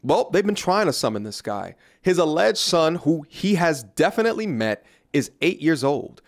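Earnest man with a slightly high voice. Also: big pitch swings, normal speed, noisy background. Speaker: commentary YouTuber. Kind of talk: scripted commentary video. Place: small room indoors. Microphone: studio mic on a boom in front of him.

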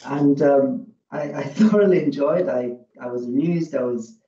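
A man's voice: medium pitch, moderate pace, dark tone. A middle-aged man from Afghanistan on a video call, reflecting aloud on a talk he has just heard in a casual, thoughtful way. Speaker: audience member asking a question. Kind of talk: casual academic discussion. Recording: dull, roomy, distant laptop sound.

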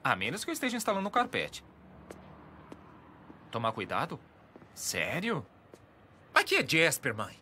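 An actor playing an awkward teenage fast-food worker in an animated series dub, sarcastic and hesitant. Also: male voice, a little high, slight background noise, heavily acted. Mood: sheepish.

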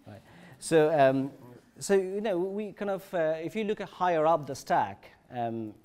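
Halting male tech presenter. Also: on the high side, lively intonation, a little mellow. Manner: halting, with many fillers and restarts. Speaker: conference presenter. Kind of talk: technical conference talk. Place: conference session room.

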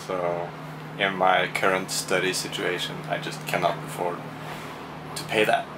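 A young man with a low voice vlogs about sailing from the cockpit and cabin of a small sailboat, speaking at a measured pace. He's informal and thinks aloud in casual commentary. His handheld camera, held at arm's length, picks up noisy on-board audio with a steady hum.

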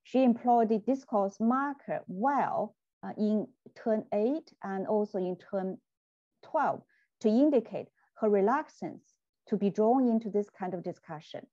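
A woman giving a measured, deliberate academic talk over a video call. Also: medium pitch, mellow, no room sound. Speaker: guest lecturer. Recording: dull video call audio.

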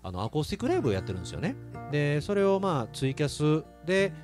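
A man's voice: on the high side, big pitch swings, rapid-fire, a little mellow, soft background music. A man with a Kansai accent, a singer chatting casually with his live stream audience between songs, laughing often. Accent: Kansai Japanese. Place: small live music venue.

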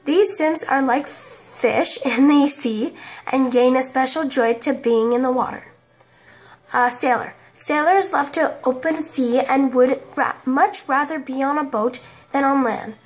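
A woman casually commenting on a life-sim game, rambling and halting, often tripping over words. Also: high-pitched. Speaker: game video creator.

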